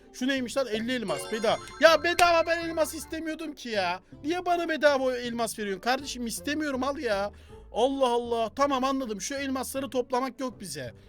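A young man doing loud, joking gameplay commentary and talking back to the game characters as he plays. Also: very high-pitched. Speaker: gaming YouTuber.

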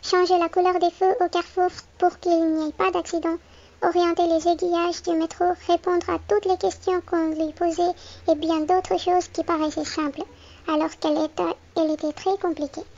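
A woman reads a children's picture book aloud, with a very high, light voice. She tells it clearly and expressively, as if to a small child. The recording sounds dull and lo-fi. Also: level tone, moderate pace, darkish tone. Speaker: storybook reader.

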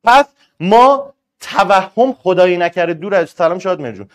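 A man with a high voice lectures students in a lively, colloquial way. His urging rises loud and pressing, then drops to gentle asides. He sounds like a teacher giving a motivational talk on a live stream. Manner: emphatic, colloquial, swings between loud urging and soft asides. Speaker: exam-prep teacher.

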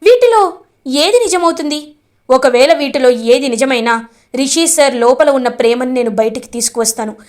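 A woman's voice: high-pitched, animated, normal speed. A woman doing a worried, determined young woman. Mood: resolute. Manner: questioning, resolute inner voice.

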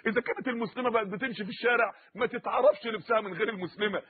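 A man's voice: high-pitched, breathy edge. A middle-aged man with an Egyptian accent preaching an impassioned, rhetorical sermon. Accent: Egyptian Arabic. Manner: impassioned, rhetorical, rapid-fire. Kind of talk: fiery sermon. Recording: tinny lo-fi phone-like recording.

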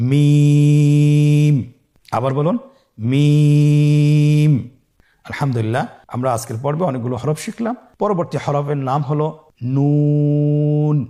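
A Bangladeshi teacher leads a recorded Quran lesson with patience, calling out each letter name long and loud for listeners to repeat. His voice is medium-pitched and gravelly.

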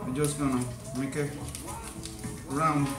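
A man's voice: mid-range voice, flat delivery, slow. A young man performing close-up magic for barbershop customers, coaxing and playful, switching between English and Spanish. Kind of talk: casual close-up magic patter. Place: indoor barbershop. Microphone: camera mic from across the room. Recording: echoey room, distant mic, loud music.

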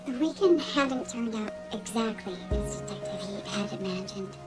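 An actress playing a teasing police detective, her voice sped up into a high, squeaky chipmunk effect, from a TV soundtrack. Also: animated, normal speed. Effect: sped-up, high-pitched chipmunk voice effect. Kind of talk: TV drama dialogue. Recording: TV soundtrack with music behind.

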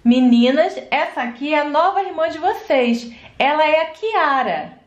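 A woman's voice: high voice, lively intonation, a little slow, dull audio, pitched below the performer's own voice. A Brazilian woman voicing a caring mother of a family of dolls, motherly and soothing, in a toy play video. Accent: Brazilian Portuguese.

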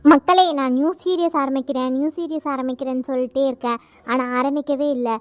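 A woman's voice: sits high, steady tone, fast, no echo. A young woman, a cartoon creator, giving viewers a chatty, apologetic update. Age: young adult. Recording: dull lo-fi sound.

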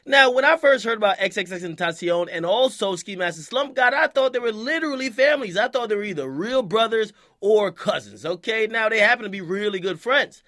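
Animated bright-voiced young man commentator. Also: high voice, brisk, hardly any pauses. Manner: animated, slangy, profane, keeps asking "okay?". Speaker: hip-hop news commentator. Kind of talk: casual commentary to camera.

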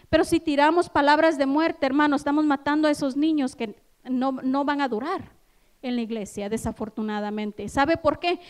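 Woman preacher, high voice, fervent sermon, rhetorical questions, church congregation. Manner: builds to loud, passionate exhortation; addresses listeners as brother, asks rhetorical questions.

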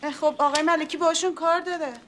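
An actress playing a nosy, chatty airport employee in a comedy series. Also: female voice, very high-pitched, fairly even intonation, noisy background.

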